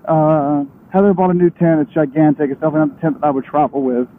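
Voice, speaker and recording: A man's voice: a little high, fast talker. A young man chatting casually and in a rambling way while riding a motorcycle, his voice muffled inside a helmet. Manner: rambling, conversational, self-interrupting. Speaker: motorcycle vlogger. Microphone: helmet microphone. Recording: thin radio-like sound inside a helmet.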